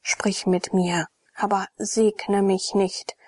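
A woman's voice: mid-range voice, flat delivery, slow pace, husky, no echo, studio quality. Woman whispering as a troubled young priest. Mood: earnest. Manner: quiet, half-whispered and earnest. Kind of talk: whispered audiobook reading.

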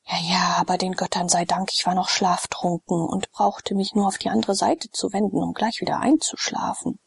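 A woman's voice: lowish voice, fairly even intonation, moderate pace, gravelly, slightly rough, no room sound, exaggerated voice. A woman reading the part of a sleepy, world-weary Roman nobleman who talks in a half-whisper.

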